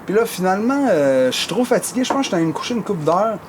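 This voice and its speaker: Animated Québécois man telling a story. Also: high voice, racing, a little hiss or hum. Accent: Québécois French. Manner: animated, rambling, with lots of fillers and restarts. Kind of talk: casual storytelling chat.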